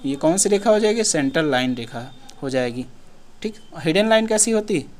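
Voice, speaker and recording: Casual, slightly high-voiced male teacher. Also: lively intonation, normal speed. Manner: casual, repeats himself, asks and answers his own questions. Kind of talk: exam-prep lesson, solving questions.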